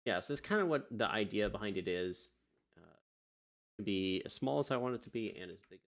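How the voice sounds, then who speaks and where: A man with a lowish, gravelly voice talks animatedly and briskly while working as a virtual air traffic controller on a live stream. He's chatty and easily distracted, drifting off mid-thought in casual conversation before switching to polite radio calls to pilots.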